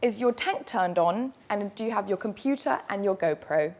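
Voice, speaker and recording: A woman's voice: mid-range voice, lively intonation, moderate pace, darkish tone. A woman presenting an instructional safety briefing, explaining directly with emphasis and reassurance. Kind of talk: instructional video narration.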